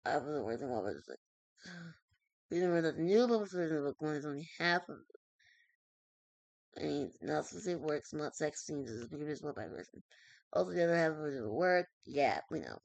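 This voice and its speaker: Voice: medium pitch, animated, fairly quick, creaky, no room sound, poor audio. A streamer reading a web story aloud, stumbling over words, correcting themselves and dropping in casual asides.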